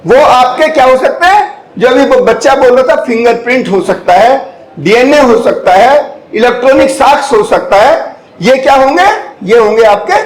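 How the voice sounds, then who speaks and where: High-voiced older man lecturing in an echoey hall. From India. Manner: keeps checking the audience follows, with rhetorical questions; mixes English phrases into his talk. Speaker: guest lecturer. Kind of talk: classroom lecture.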